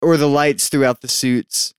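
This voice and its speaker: A man's voice: medium pitch, steady tone, moderate pace, clean tone, dry recording, clean studio sound. A young man chatting casually about a movie, hesitant and stuttering, with frequent restarts. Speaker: movie watch-along co-host. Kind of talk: casual chat.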